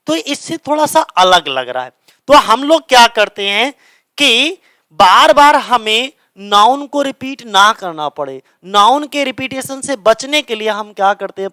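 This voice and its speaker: Male tutor, clear smooth voice, dry close sound, drills key terms by repetition. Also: high voice, sharp tone, no room sound. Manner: asks questions and answers them himself, repeats key words. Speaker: teacher. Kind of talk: grammar lesson explaining in Hindi.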